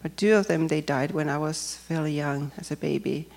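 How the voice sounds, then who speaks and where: A Finnish woman speaking English as a second language, with a Finnish accent, gives a personal testimony as a church member. She speaks carefully and hesitantly with frequent pauses, in a low, gravelly voice with a darkish tone.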